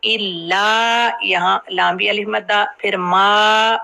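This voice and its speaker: A woman gives a tajweed lesson, her voice gravelly and bright. She explains the rules quickly, then slows right down to model each word, drawing it out. Overall her delivery is very unhurried. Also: medium pitch, steady tone, poor audio. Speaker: Quran recitation teacher.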